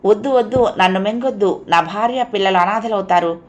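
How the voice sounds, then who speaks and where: A woman voicing a frightened, devoted family man shaken by a nightmare, pleading and agitated, her voice raised and louder. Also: medium pitch, brisk, natural voice. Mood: fearful, pleading.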